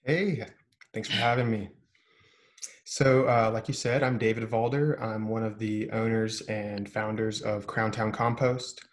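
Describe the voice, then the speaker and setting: Man podcast guest, lowish voice, flat delivery, steady explaining. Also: a little slow. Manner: steady, explanatory, frequent ums. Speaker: podcast guest, business owner. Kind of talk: casual interview talk.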